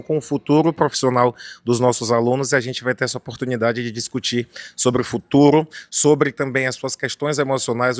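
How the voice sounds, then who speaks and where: A Brazilian man speaking as a guest psychologist on a podcast, formal and measured. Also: mid-range voice, no room sound. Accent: Brazilian Portuguese. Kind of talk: podcast conversation.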